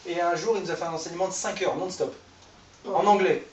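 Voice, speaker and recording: A man's voice: sits high, fairly even intonation, fast talker, a little hiss or hum. A man in his thirties preaching an informal sermon, conversational and self-deprecating, joking with his listeners. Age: 30s. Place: church hall. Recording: echoey room, voice from far off the mic.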